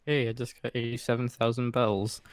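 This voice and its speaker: A man's voice: mid-range voice, level tone, a little fast, no echo. A young man co-hosting a casual podcast, wisecracking and offhand. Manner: offhand, wisecracking, reads out place names. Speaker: podcast co-host. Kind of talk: casual chat.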